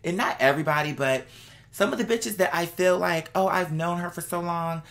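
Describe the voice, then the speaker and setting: Speaking fairly quickly in a lowish voice, a woman vents to her vlog viewers from home. Her rant is casual, blunt and sassy, full of exasperation, emphatic slang and profanity.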